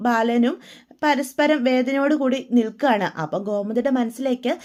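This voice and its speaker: A woman with a high-pitched voice walks the listener through a serial episode in a relaxed, conversational way. She keeps the storytelling chatty and often adds small asides straight to her audience. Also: normal speed. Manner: chatty, with frequent "you know" tags to the listener. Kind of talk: casual spoken retelling of a serial.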